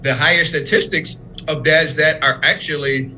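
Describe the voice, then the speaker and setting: Earnest man with a bright voice. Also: a little high, steady tone, moderate pace, a little hiss or hum, poor audio. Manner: earnest, speaks in long run-on explanations. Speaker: fatherhood program worker, guest. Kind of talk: casual interview talk.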